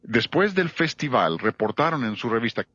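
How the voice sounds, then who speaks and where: A man's voice: medium pitch, big pitch swings, moderate pace, fairly bright tone, no room sound. Guy lecturing at a church music seminar, emphatic, lots of rhetorical questions, kinda muffled dry recording. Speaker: seminar speaker.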